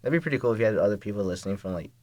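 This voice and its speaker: A man's voice: fairly low pitch, expressive, racing, mellow, dry recording. A man of twenty-one, a college student and podcast guest, chatting casually and laughing often.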